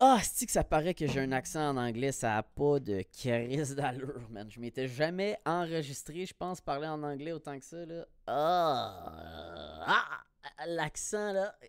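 A young man with a Québécois French accent hosting a casual podcast, telling stories in a slangy, laughing, animated way with plenty of swearing. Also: a little high, moderate pace, few pauses, clean tone, no echo, clean studio sound. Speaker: podcast host. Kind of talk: casual chat.

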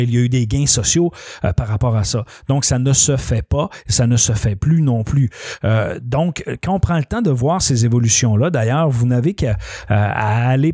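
A man's voice: mid-range voice, warm tone, no echo. Man talking casually about advertising, dry sound. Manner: conversational, many fillers and restarts, addresses listeners directly. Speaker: commentator on advertising. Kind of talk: casual spoken commentary.

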